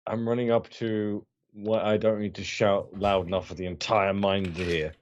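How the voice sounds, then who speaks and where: A man's voice: on the low side, flat delivery, normal speed, dull audio. A man playing a tabletop game, thinking aloud and restarting his sentences. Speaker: player. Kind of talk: casual chat at a tabletop game.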